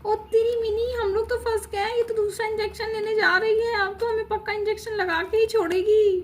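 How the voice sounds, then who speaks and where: A very high, squeaky little girl, put on by a woman, who frets and schemes her way through a doll story. She talks in a whiny, excited rush. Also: normal speed. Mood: worried. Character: little girl patient Shaili, scared and scheming.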